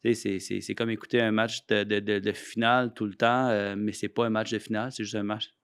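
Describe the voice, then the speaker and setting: A man with a Québécois accent hosting a podcast, chatting warmly with many restarts and fillers. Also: fairly low pitch, level tone, a little fast, clean tone, no room sound, clean studio sound. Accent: Québécois French. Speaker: podcast host, foundation CEO. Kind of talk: casual podcast interview.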